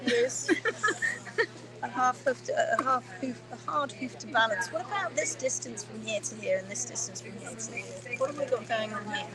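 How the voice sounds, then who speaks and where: With a crowd audible behind her, a woman runs a hoof-trimming workshop streamed live from a phone indoors. Her slightly high, expressive voice moves at a moderate pace as she emphatically quizzes students and reads out viewers' comments.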